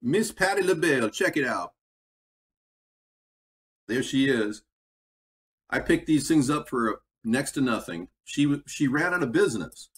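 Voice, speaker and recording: This livestream cooking host rambles in a folksy, casual way, pausing to read the chat. His mid-range voice is a bit bright and lively in intonation but slow, with long pauses, and he's captured distantly on a tinny computer microphone away from his mouth, with background noise.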